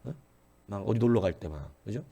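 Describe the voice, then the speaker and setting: A man's voice: on the low side, expressive, fairly quick, gravelly, mellow, husky. A middle-aged man teaching a church history sermon in a conversational way, often asking the congregation questions and acting out quoted voices. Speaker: pastor.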